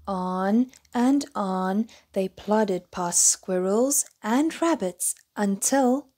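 Slow, gentle woman reading a picture book. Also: mid-range voice. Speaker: storyteller. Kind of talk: children's picture-book read-aloud.

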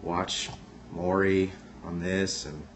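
A man chatting casually to camera, rambling and halting as he describes a friend. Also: deep voice, steady tone, noisy background.

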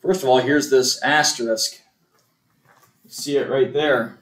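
A man's voice: mid-range voice, fairly even intonation, measured pace, a bit bright. A man serving as church cantor, patiently explaining things step by step to a congregation. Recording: roomy echo.

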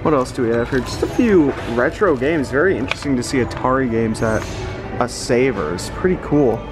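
Animated and at a moderate pace, this medium-pitched vlog host talks over music while he shops, addressing viewers as "guys." A reseller out thrifting, he narrates casually from thrift stores and parking lots into a handheld camera mic.

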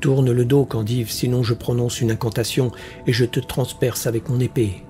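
A man's voice: medium pitch, steady tone, normal speed, warm tone, faint music behind, close to an everyday voice. A man voicing a resolute sorcerer in an audiobook fantasy tale, speaking with firm, threatening commands.

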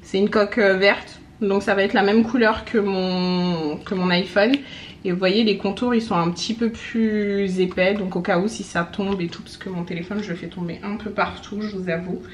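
A young adult woman chatting casually to camera at home as a beauty vlogger, expressive and quick to poke fun at herself. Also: mid-range voice, distant mic. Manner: chatty, expressive, self-mocking. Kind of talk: casual vlog chat. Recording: roomy, from the mic, faint background hum.

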